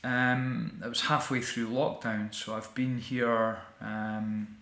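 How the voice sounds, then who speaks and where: A man's voice: medium pitch, level tone, slow pace, sharp tone, roomy sound. A middle-aged Scottish man, an actor and writer, talking reflectively as an interview guest with many restarts and fillers. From Scotland.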